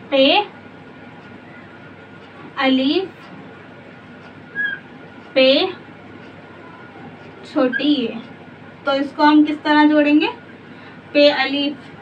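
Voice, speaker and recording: A woman teaching letters step by step, patient and repetitive, often asking simple check questions. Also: high voice. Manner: patient, repeats letters and asks rhetorical checks. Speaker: Urdu teacher. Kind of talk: slow step-by-step letter lesson. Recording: distant mic, dull lo-fi sound, faint room noise.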